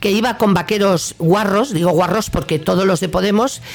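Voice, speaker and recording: This woman speaks at a medium pitch and a normal pace, with some vocal fry. She has a Castilian Spanish accent and hosts a radio show, where she delivers a political opinion monologue that is indignant, sarcastic, and colloquial.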